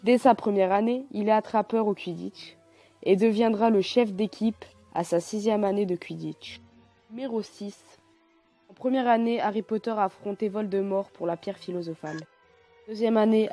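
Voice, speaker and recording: Chatty young woman with a mellow voice. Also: mid-range voice. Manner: lists facts in numbered points, chatty, slightly halting. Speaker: youtuber. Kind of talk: casual fan explainer vlog.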